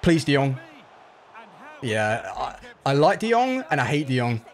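A man giving live commentary on his own football video game match, excitable, jumping from low groans to loud yelps. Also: measured pace. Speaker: gaming YouTuber.

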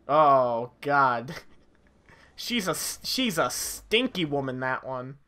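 Woman streamer laughing thru a game, swears a lot, slow talk, voice jumping all over. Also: very deep voice, very animated. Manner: giggly, swears, reacts loudly. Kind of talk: let's play commentary.

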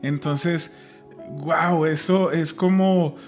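A man's voice: a little high, steady tone, extremely slow, soft background music. A man casually discussing a Bible story, retelling scripture with many fillers and restarts.

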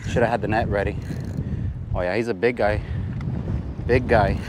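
Excited man on a fishing boat. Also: lowish voice, normal speed. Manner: excited hollering when fish bite. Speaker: fishing vlogger. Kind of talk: casual fishing vlog narration. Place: small boat out on open bay water. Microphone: action camera worn on the body. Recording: outdoor camera audio with wind noise. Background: wind and water.

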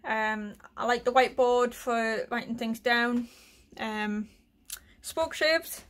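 A British woman with a slightly high voice speaks slowly as she gives a casual tour of her small shed workshop. She's a woodworking vlogger filming on a handheld phone, relaxed and listing her tools with lots of fillers.

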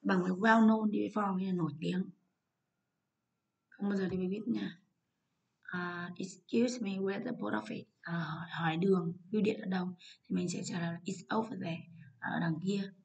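A woman's voice: mid-range voice, fairly even intonation, normal speed, gravelly, darkish tone. A woman teacher with a Vietnamese accent, patiently going through an English exam paper and explaining each answer. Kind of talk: exam walkthrough lesson.

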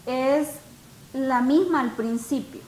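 Woman, English teacher, high voice, unhurried, patient, on a video call in an echoey room. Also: a little mellow. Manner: patient, asks students questions, mixes Spanish and English. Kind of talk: online class teaching.

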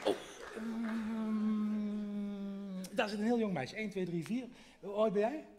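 A man's voice: high voice, a little slow. Teasing male comedian in echoing hall. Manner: teasing, deadpan, quizzing the audience. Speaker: stand-up comedian. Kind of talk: stand-up crowd work. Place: theater stage with live audience. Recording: live hall with long reverb, crowd laughter.

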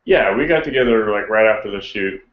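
A man hosts a casual conversation in a relaxed, hesitant way and restarts his sentences often. His voice is low, and the sound is roomy and dull. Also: fairly quick. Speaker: host. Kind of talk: casual chat.

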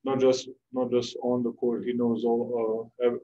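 A young male basketball player answering postgame press questions calmly, searching for words, in a press room. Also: a little slow, lo-fi sound, a little hiss or hum. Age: young adult. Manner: calm, low-key, searching for words. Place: press room before a sponsor backdrop.

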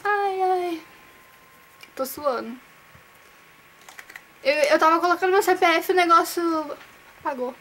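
Young woman, from Brazil, high voice, nervous, trembling, excitable, casual vlog. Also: measured pace, pauses often. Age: young adult. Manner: nervous, excitable, exclaims often. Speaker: vlogger. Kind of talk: casual vlog reacting to exam results.

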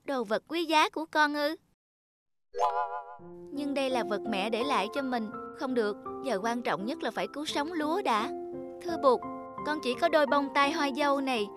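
A dutiful young village girl in a children's cartoon voiced by a woman, high-pitched and polite. She sounds earnest and a little anxious. Bright kids' music plays behind her. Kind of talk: cartoon voice acting.

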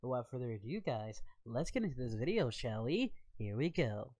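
A woman doing an animated, excitable Goku reaction host. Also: very deep voice, a little fast, exaggerated voice. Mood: upbeat. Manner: excitable, shouting, laughs a lot. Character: Goku, cheerful young male alien fighter. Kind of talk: reaction commentary.

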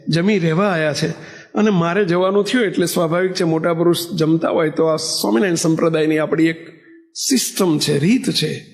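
A man, a monk, preaching by telling a true story vividly and acting out the dialogue. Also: a little high. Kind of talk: sermon storytelling.

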